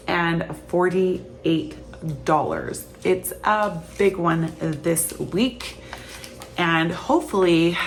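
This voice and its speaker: A woman's voice: fairly low pitch, slight background noise. A woman from Canada in her thirties, chatting casually to camera as a vlogger, tired and laughing often.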